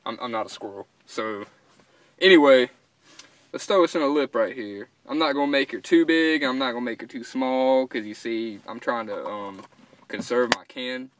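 A man's voice: mid-range voice, moderate pace, slight background noise. A young man chatting casually to camera as a vlogger. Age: young adult. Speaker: vlogger and dip reviewer. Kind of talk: casual chat. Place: inside a parked pickup truck cab.

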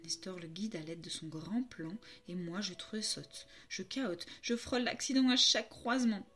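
A French woman reading a children's story aloud, narrating as a timid harp in a playful, expressive way. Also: medium pitch, moderate pace, breathy edge.

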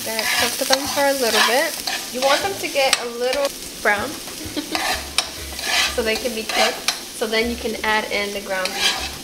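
A young woman calmly explaining each step as she cooks in her home kitchen. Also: on the high side, unhurried, long pauses, reverberant, heavy background noise. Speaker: home cook. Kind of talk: casual cooking vlog.

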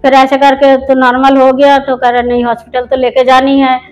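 Middle aged indian woman telling her testimony, high voice, keeps restarting, soft music behind. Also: monotone, fairly quick, highs cut off. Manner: rambling storytelling with many restarts. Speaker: church member giving testimony. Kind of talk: spoken personal testimony.

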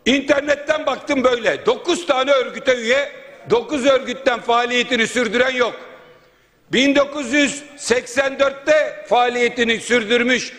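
Standing at a podium mic in a large parliament chamber, a male MP delivers an indignant, rhetorical floor speech, ticking off points as he goes. His extremely high, slightly bright voice stays steady at normal speed, and the big hall adds a long reverb.

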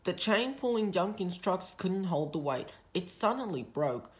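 A woman reading a children's storybook aloud in a steady, expressive way. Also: fairly low pitch, measured pace.

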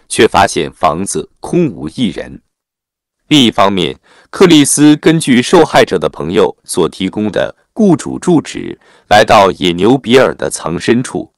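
In this scripted film recap, the narrator's low voice moves animatedly up and down in pitch, though his wording stays formal and bookish. The sound is close and dry, with no room sound.

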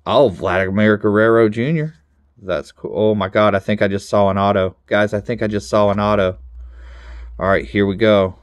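Man, casual pack-opening vlogger, lowish voice, dry close sound, chatty and easily excited. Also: moderate pace, no room sound. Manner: excitable, talks to viewers, bursts into loud exclamations. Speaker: card collector opening packs.

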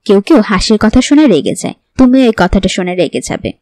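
A woman's voice: mid-range voice, expressive, a little fast, darkish tone, no room sound, lightly acted. A woman voicing a young pregnant wife who is oddly cheerful. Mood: cheerful, teasing.

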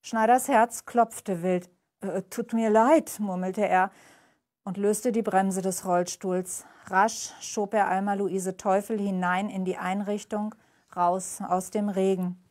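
A woman author reading from her crime novel at a live book reading, measured and clear. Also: mid-range voice, flat delivery, a little mellow.

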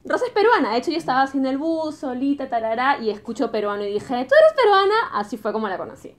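A young woman hosting a casual interview in a small bedroom, upbeat and lively. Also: sits high, quick pace. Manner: upbeat, lively, laughs often. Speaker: host. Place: small pink bedroom, indoors.

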